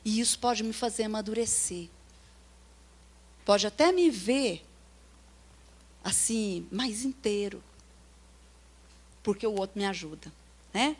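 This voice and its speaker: A woman's voice: mid-range voice, expressive, slow, pauses often. A woman with a Brazilian Portuguese accent giving a chatty sermon at a retreat, often checking in with her listeners and acting out little quoted voices. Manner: chatty, keeps checking in with the audience. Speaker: preacher at a workers' retreat. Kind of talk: conversational sermon.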